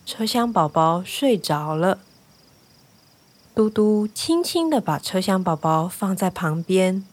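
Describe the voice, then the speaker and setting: A woman narrating a children's story in a gentle, lively, clearly paced way. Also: fairly low pitch.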